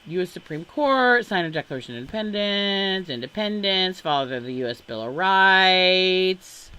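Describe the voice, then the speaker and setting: A woman's voice: lowish voice, lively intonation, moderate pace, bright, forceful tone, clean tone. A woman vlogger reading a long list of names and titles aloud, breaking off with exasperated asides and sighs. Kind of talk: casual commentary while reading aloud.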